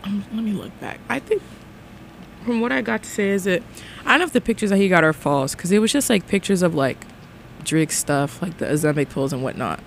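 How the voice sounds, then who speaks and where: A woman's voice: fairly low pitch, lively intonation, a little fast, creaky. A woman giving a casual, slangy reaction to music in a conversational way. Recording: faint vehicle noise in background.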